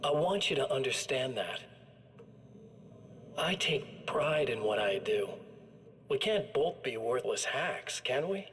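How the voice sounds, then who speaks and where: A man's voice: medium pitch, lively intonation, takes it slowly, pauses often, noisy background. An actor playing a chatty killer in a video game, proud of his tools and casually menacing, talking like a salesman. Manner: folksy, menacing, casually pleased with himself. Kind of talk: scripted video game acting, sales-pitch monologue.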